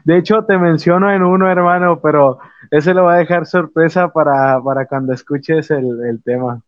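Young man, fairly high voice, hesitant, many fillers, dry lo-fi sound. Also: moderate pace, no room sound. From Mexico. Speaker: musician guest. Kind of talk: casual interview answers.

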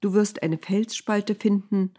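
A woman voicing God speaking from a cloud, calm, stern and unmoved, in a spoken Bible story. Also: mid-range voice, a little slow, voice pushed up, lightly acted.

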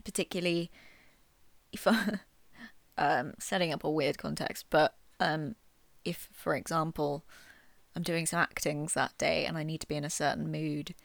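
A woman's voice: low-pitched, a little slow, creaky, no echo. A woman co-hosting a podcast in casual, wry chat, laughing often. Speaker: podcast co-host.

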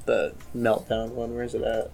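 A man co-hosting a casual podcast, delivering jokes flatly and stumbling over restarts. His voice sits in a middle range for a man. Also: medium pitch, moderate pace, creaky, faint music behind. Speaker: podcast co-host. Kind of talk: casual chat.

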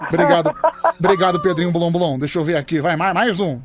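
A man's voice: a little high, fast talker, background noise. A man hosting a comic radio show, teasing and stalling with playful exasperation.

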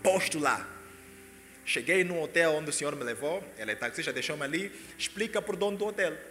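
Man giving an animated testimony, high and sharp, long echo of a hall. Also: brisk. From Angola. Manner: excitable, with sudden loud exclamations. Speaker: speaker giving a personal testimony. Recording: echoey hall with faint music.

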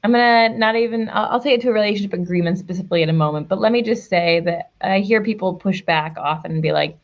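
A woman's voice: mid-range voice, quick pace, highs cut off. A woman relationship coach speaking as a guest in a casual interview, with a direct and emphatic coaching tone.

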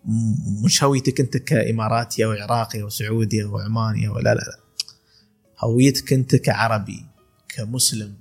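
Soft background music accompanies a lowish, steady male voice that is creaky, breathy-edged, and a little fast. The speaker, a calligrapher in his twenties from Khor Fakkan with an Emirati Arabic accent, shares stories as a podcast guest. The chat is casual, with lots of laughter and restarted sentences.

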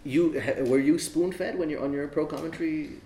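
A man's voice: a little high, normal speed, warm tone. A man chatting casually, often repeating words as he builds his point. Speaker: cricket commentator and show host. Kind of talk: casual chat. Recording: roomy echo.

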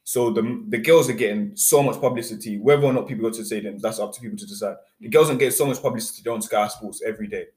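A man's voice: lowish voice, very fast, few pauses, darkish tone, reverberant. A young man with a London roadman accent, debating casually in slang and insisting on being heard. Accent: London roadman, Multicultural London English.

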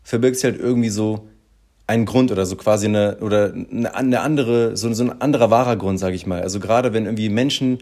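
A man telling an everyday story in casual chat, animated and full of fillers, acting out the people he quotes. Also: lowish voice, a little fast.

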